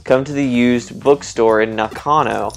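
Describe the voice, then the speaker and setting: A man voicing a secretive young country girl detective in his own plain voice, talking low and conspiratorially. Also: steady tone, a little slow, faint music behind, close to an everyday voice. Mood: hushed.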